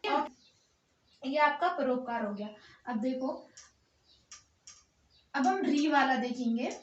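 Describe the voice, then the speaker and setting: A high-pitched woman with an Uttarakhand Hindi accent explains grammar at an unhurried pace, asking a question and then answering it herself. The sound is dull and lo-fi, caught in a roomy, echoing space. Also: expressive, a little hiss or hum. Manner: asks questions and answers them herself, repeating "theek hai". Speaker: teacher. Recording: echoey room, dull lo-fi sound.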